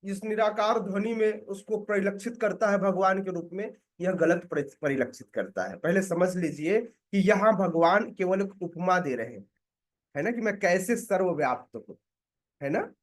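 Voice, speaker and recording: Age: adult. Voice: high-pitched man. Style: devotional lecture, asking the listeners rhetorical questions. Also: lively intonation. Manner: asks rhetorical questions and checks listeners follow; explains slowly with many pauses. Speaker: preacher teaching a scripture class.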